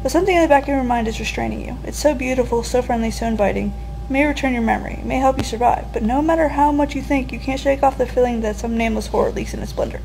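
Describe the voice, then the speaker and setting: A woman's voice: fairly high pitch, very fast, vocal fry, darkish tone, a little hiss or hum, rough recording. A woman reading a text adventure game aloud and playing it, with wry, joking asides.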